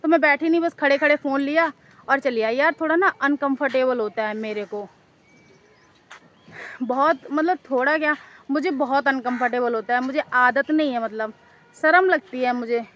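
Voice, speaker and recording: A woman's voice: high-pitched, moderate pace, a bit bright, lo-fi sound. A woman vlogger casually telling a story to camera outdoors in a park, chatty and rambling, often repeating herself.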